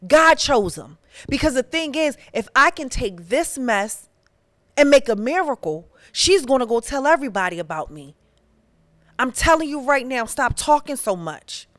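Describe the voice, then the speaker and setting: A woman's voice: high-pitched, animated, moderate pace, dry recording. A woman hosting a podcast, talking in a casual, candid way that turns preachy. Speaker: podcast host.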